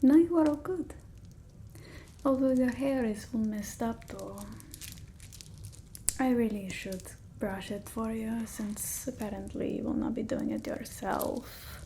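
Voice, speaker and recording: This ASMR roleplay has a woman as a vampire mistress gently scolding her human familiar, bossy but doting. She talks slowly and haltingly in a fairly high, soft, breathy voice, frequently whispering in a matter-of-fact way, over a faint hiss or hum.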